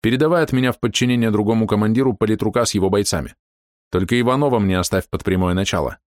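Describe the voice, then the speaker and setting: A man reading an audiobook, voicing a confident young mage who gives brisk instructions. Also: on the low side, no room sound, clean studio sound, lightly acted. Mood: instructive.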